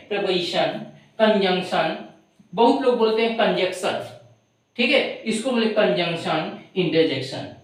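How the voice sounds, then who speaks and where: A woman teaching an English lesson, drilling pronunciation slowly and often checking whether the class follows. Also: mid-range voice, heavy reverb, distant mic, rough recording. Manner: drills words slowly, often asks if students understand. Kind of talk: classroom-style tutorial.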